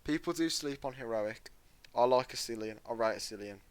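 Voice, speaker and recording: Brief: young British podcast co-host, male, mid-pitched, loud and chatty, dry close sound. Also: fairly quick, clean tone, dry recording. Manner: chatty, loud, self-described obnoxious, trailing into quiet asides. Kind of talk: casual chat.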